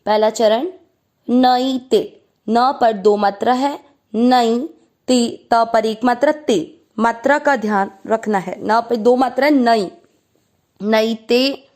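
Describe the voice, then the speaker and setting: A woman with a slightly high voice gives a patient pronunciation lesson at a very slow pace. She breaks each word into syllables, then recites whole lines stretched out. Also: a little mellow. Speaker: Sanskrit pronunciation teacher.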